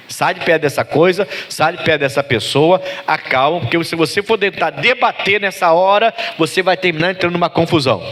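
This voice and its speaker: Middle-aged Brazilian pastor, high-pitched, sermon delivery with anecdotes and sudden emphatic bursts. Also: male voice. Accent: Brazilian Portuguese. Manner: storytelling, swings from low calm to high emphatic.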